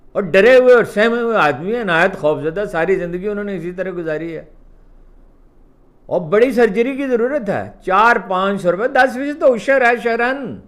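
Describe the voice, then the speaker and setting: A man's voice: high-pitched, fairly bright tone. A man delivering a political commentary monologue, emphatic, often repeating his points for stress.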